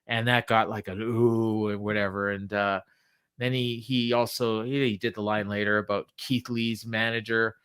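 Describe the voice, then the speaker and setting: Halting man giving a casual recap. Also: lowish voice, little pitch movement, a bit bright, clean tone. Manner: halting, backtracking, paraphrasing quotes as he goes. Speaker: wrestling podcast co-host. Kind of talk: casual recap retelling a promo from memory.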